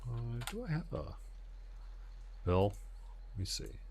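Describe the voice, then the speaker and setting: A man's voice: medium pitch, big pitch swings, takes it slowly, noisy background. A man hosting a gaming livestream, chatting casually and thinking aloud in an easygoing way as he answers viewers. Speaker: livestream host playing a game.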